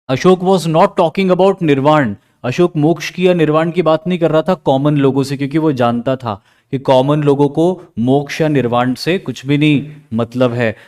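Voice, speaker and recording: A man with an Indian accent giving a lively recorded history lecture, asking questions and acting out students' answers. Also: fairly high pitch. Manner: lively, asks questions and acts out students' replies. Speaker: history teacher.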